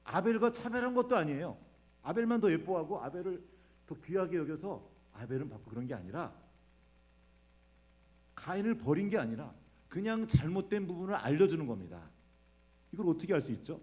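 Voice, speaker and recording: A man's voice: a little high, very animated, fairly quick, pauses often, darkish tone. A man preaching a Sunday sermon in a church. He often puts questions to the congregation and explains with homely everyday examples. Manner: asks the congregation frequent questions. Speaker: pastor. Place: church sanctuary.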